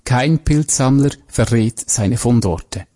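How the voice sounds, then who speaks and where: A man's voice: medium pitch, slow pace, lightly acted. A man voicing a cold vengeful betrayed wife. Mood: icy. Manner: quiet, cutting, pressed through teeth.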